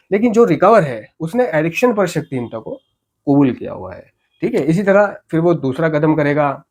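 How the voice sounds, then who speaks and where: A man's voice: mid-range voice, a little mellow. A man giving an informal spoken talk on addiction recovery, earnest and explanatory, often checking in with tag questions.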